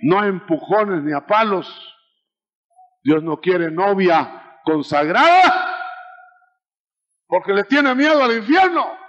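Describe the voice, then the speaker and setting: A male preacher delivering a sermon in a dramatic style that swings between shouts and murmurs. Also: sits high, very animated, slow pace, pauses often, dull audio.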